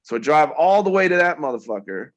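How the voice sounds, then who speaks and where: A man with a slightly high voice tells a story with a lot of energy. He swears freely and acts out the people he met, in loose, easy livestream chat. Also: fast, highs cut off. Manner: animated storytelling, heavy swearing, acts out quotes. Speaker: podcast co-host.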